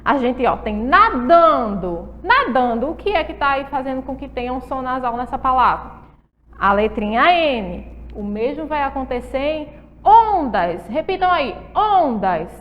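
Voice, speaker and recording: Brazilian woman teacher, high lively voice, sing-song, drawn-out words, roomy echo. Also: highs cut off. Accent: Brazilian Portuguese. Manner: sing-song, drawn-out word repetition for young pupils. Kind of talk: recorded school lesson for children.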